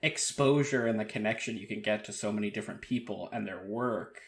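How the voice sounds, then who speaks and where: A man's voice: on the low side, brisk. Podcast co-host, man in casual chat, rambles, reacts a lot. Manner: rambling, reactive, filler-heavy.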